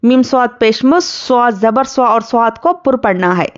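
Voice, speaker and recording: Speaking in a fairly high, smooth and clear voice, a woman gives an animated tajweed lesson, patiently explaining the rules word by word. She stops to recite each phrase slowly and drawn out. The recording sounds dull and lo-fi.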